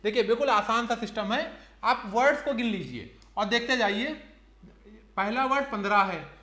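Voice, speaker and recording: A man gives an online reasoning lesson. His voice sits high and he explains each step slowly and clearly. The recording has an echoey, roomy sound. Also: lively intonation, pushed and bright. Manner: explains step by step, counting aloud, fillers like "theek hai". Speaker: reasoning teacher. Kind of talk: online exam-prep lecture.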